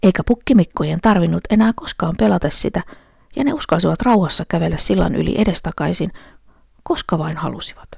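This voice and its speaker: Female children's storyteller, low husky voice, dry close sound. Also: a little mellow, no echo.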